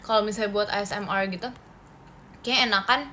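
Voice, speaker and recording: A woman's voice: mid-range voice, fairly even intonation, a little fast, bright, forceful tone, a little hiss or hum. A young woman from Indonesia hosting a casual phone livestream, chatting with viewers, answering comments and laughing often. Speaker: idol livestream host.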